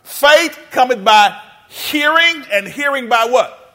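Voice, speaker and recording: This pastor's voice sits extremely high and comes out pushed and bright, expressive but slow in pace. In his church sermon he asks the congregation questions in call-and-response fashion. He speaks folksily, addressing them as "y'all" and "baby."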